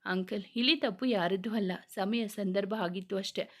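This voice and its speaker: A woman's voice: mid-range voice, steady tone, moderate pace, lightly acted. A woman voicing a cheerful young man, sarcastic to some and reassuring to others, in a read-aloud story. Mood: upbeat. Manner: sarcastic, upbeat.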